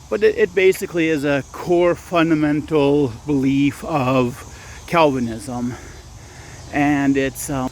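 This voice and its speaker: Walking outside at dusk, a channel host and storyteller rambles casually for his vlog, frequently restarting and correcting himself. His voice is fairly high, with slight background noise.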